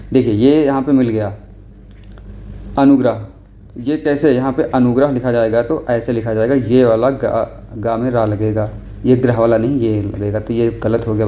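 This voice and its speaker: A man's voice: mid-range voice, dark tone. A man tutoring for an exam, walking through answers one by one and checking in often with the class. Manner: patient, repeats with frequent "okay?" checks. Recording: dull lo-fi recording with faint noise.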